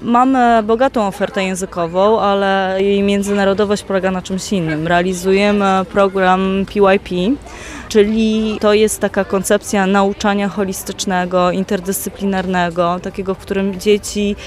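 A woman's voice: medium pitch, flat delivery, normal speed. A woman representing a school, explaining its teaching program in a matter-of-fact way in an interview. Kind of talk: interview answers.

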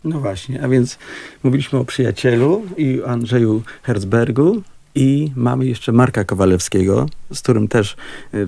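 A male composer speaking in a relaxed interview, pausing often with fillers as he thinks aloud. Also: mid-range voice, gravelly, dry recording. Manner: thoughtful, halting with many fillers. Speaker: composer and musician. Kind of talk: casual interview talk.

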